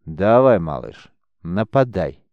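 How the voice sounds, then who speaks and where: A man's voice: deep voice, sing-song, slow pace, smooth, dry recording, phone-quality sound, full character voice. A man reading an audiobook, voicing an arrogant veteran warrior captain who mocks and taunts. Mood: taunting. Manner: mocking, swaggering. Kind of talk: audiobook character voice.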